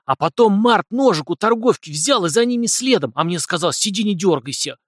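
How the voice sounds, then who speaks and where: A man doing a blurting, excitable teenage boy. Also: high voice, a little fast, no echo, studio quality, voice pushed up. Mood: excited. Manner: eager, breathless blurting.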